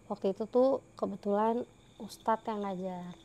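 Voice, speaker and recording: A woman's voice: medium pitch, fairly even intonation, normal speed, mellow, a little hiss or hum. A young woman casually recounting her own ghost experiences in a podcast interview, acting out the dialogue between speakers. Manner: acts out quoted dialogue, lots of fillers.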